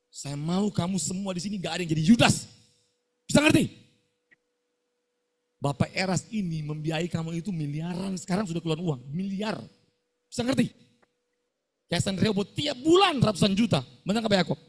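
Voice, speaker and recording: A middle-aged male pastor, preaching a scolding sermon to students and firing call-and-response questions at them. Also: high-pitched.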